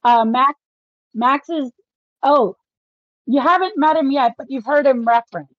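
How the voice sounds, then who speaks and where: A woman co-hosting a casual book podcast speaks a little slowly with a high-pitched voice, explaining enthusiastically as a fan would. The recording is dry and slightly dull.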